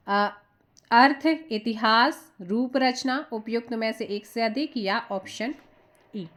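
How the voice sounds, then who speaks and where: Woman coach, somewhat high pitch, drills answers by asking and repeating. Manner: repeats answers with quick rhetorical checks. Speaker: exam coaching teacher. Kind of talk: quiz-answer lesson.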